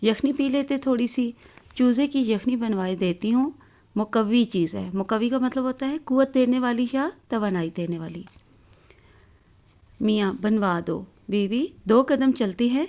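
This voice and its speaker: A woman's voice: on the high side, darkish tone. A woman teacher with a Pakistani Urdu accent reads a play aloud and stops after each hard word to explain what it means.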